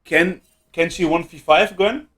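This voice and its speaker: A man co-commentates a live esports match in a high, crisp, bright voice. He banters freely and laughs at his own jokes. He reacts quickly to each play. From Netherlands.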